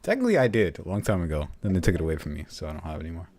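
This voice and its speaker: A man's voice: low voice, huge pitch swings, rapid-fire, a little mellow. A young man hosting a casual podcast chat, joking and laughing often. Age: young adult. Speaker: podcast host.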